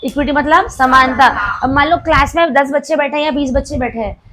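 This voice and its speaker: A young woman teaches a commerce class in a high, bright voice. She teases and scolds her students in a playful way, then slows down sharply to spell out each key term word by word. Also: fairly even intonation, noisy background. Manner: slow deliberate dictation of key terms. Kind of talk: classroom lecture.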